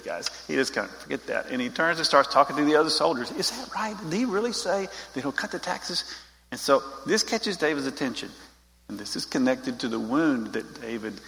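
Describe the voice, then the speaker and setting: A man's voice: medium pitch, gravelly, pushed and bright, long reverb tail, rough recording. A man giving an informal Bible teaching, talking straight to his group in a conversational way.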